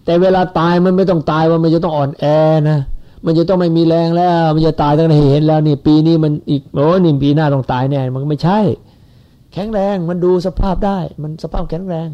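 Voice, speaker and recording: A man's voice: on the high side, fairly even intonation, fast talker. A man in his seventies giving a rambling, folksy Buddhist sermon to followers. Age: 70s. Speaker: Buddhist teacher. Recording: lo-fi dull recording.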